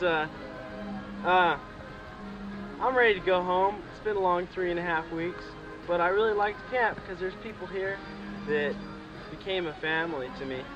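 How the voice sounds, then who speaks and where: Young man, higher-pitched, dull camcorder sound. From Nevada, United States. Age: young adult. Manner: rambling, informal. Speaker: camper filming with a camcorder. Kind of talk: casual off-the-cuff chat. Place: outdoors at a camp.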